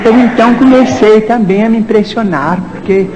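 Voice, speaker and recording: A man giving a spiritist lecture, retelling a story in an animated way. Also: high voice, moderate pace, a crowd in the background. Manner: animated storyteller, acts out shouted quotes. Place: spiritist center hall. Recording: reverberant hall, faint background noise.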